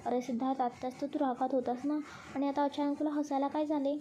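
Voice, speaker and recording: A patient young man in a storybook who talks sense into his friend, voiced by a woman. His lines come out steady and reasoning in a high, warm-toned voice with faint hiss. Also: fast, lightly acted. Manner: reasoning, advising gently.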